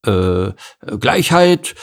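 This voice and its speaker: A man's voice: medium pitch, big pitch swings, very slow, gravelly, heavily acted. A man reading a storybook and voicing a grumbling, overworked male circus gorilla who thinks himself an artist. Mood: pompous. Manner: grumbling, complaining, pompous when speechifying.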